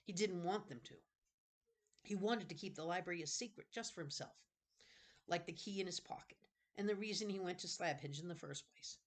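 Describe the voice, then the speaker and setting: With a lowish voice at a fairly quick clip, a woman gives an expressive reading of a children's novel. Casual comments slip in, and she halts whenever she needs to correct a misread line.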